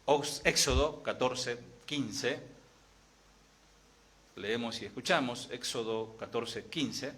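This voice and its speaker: A middle-aged Argentine pastor preaches a sermon in a chatty manner, often putting questions to the congregation. His mid-range, slightly bright voice moves slowly, with frequent pauses.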